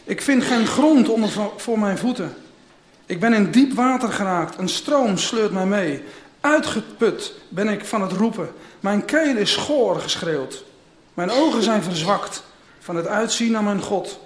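A man's voice: high-pitched, animated, measured pace. A man preaching, reading a scripture passage aloud and giving dramatic voice to the speakers in it, then starting his sermon. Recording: echoey room.

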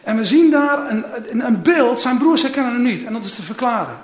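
A man's voice: very high-pitched, expressive, fairly quick. A man preaching a sermon, retelling and reading a Bible story in a conversational way with small asides. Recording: roomy echo.

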